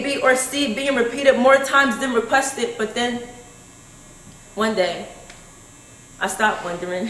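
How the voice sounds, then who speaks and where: A woman's voice: fairly high pitch, fairly bright tone. A teenage girl, a student, performs a spoken word poem with emphatic, rhetorical delivery in a school room. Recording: echoey room with faint hum.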